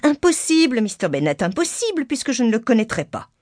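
A woman reading an audiobook, voicing a nervous, easily vexed middle-aged mother with a shrill, complaining voice. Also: fairly quick, dry recording, studio quality. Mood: exasperated. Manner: shrill complaining, high excited pitch.

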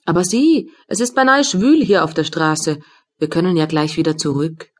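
A worn-out, absent-minded young man, as a woman narrator reads him who answers in clipped, weary phrases. His voice is low and a little plaintive, never fully present in the audiobook scene. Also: normal speed. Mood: distracted. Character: tired, distracted young man, weary and irritable. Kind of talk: audiobook dialogue reading.

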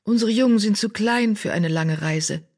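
A woman reading an audiobook, voicing a young mother cat who speaks softly and sorrowfully. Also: mid-range voice, normal speed, voice pushed up, close to an everyday voice. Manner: soft, sorrowful.

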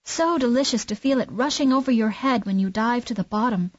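A woman voicing a timid young duckling in a soft, meek tone close to her own voice. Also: on the high side, a little fast, no echo, lo-fi sound, close to an everyday voice.

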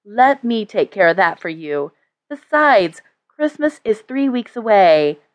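A woman voicing a cheeky young woman of twenty, high and breathy, teasing and cheerful, in an audiobook. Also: big pitch swings, a little slow, no room sound, lo-fi sound.

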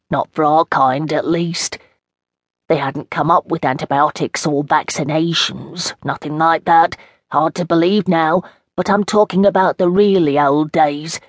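A woman's voice: deep voice, no echo. A woman reading an audiobook as a chatty woman in her seventies with an East End London accent, homely and rambling. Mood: reminiscing. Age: 70s. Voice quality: homely, rambling, dialect grammar. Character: frail chatty old East End woman, long institutionalised. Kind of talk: audiobook narration in character.

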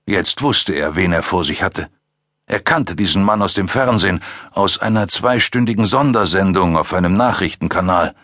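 A male narrator reading a thriller audiobook in a measured, suspenseful way, recorded close in a studio. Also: low-pitched, a bit bright, no echo.

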